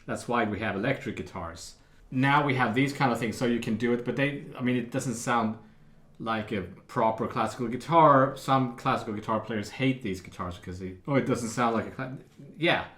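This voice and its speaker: A man giving a casual guitar lesson, explaining patterns in a relaxed way with fillers. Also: medium pitch, moderate pace, reverberant. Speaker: guitar teacher. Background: acoustic guitar playing.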